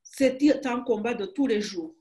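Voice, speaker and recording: An author guest in her sixties speaks Rwandan-accented French in a slightly high, mellow voice during a conversational interview. Halting and emphatic, she often restarts her phrases, talking over a webcam video call from a room at home.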